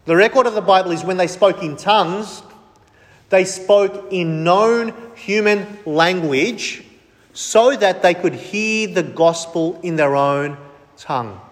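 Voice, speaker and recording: A male preacher with a notably high voice delivers a slow, emphatic sermon, posing questions to his listeners and answering them himself. The long reverb of a large hall rings around him.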